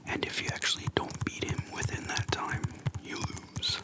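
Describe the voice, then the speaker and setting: Close to the microphone, an ASMR host speaks in a soft, breathy whisper, chatting casually in a relaxed, halting way. The talk is a casual, rambling game retrospective.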